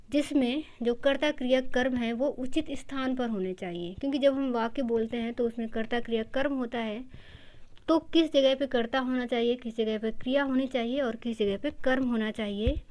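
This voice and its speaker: A woman teacher giving an exam-prep lecture, explaining step by step, repeating key terms and mixing in English words. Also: high voice.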